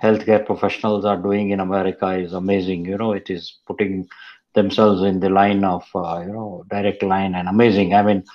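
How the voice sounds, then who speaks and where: A man's voice: low-pitched, little pitch movement, fairly quick. A man hosting an interview, asking polite questions and giving earnest, courteous remarks. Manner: courteous, brief acknowledgements, earnest. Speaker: interviewer, show host. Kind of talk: conversational interview. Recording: dull, muffled sound.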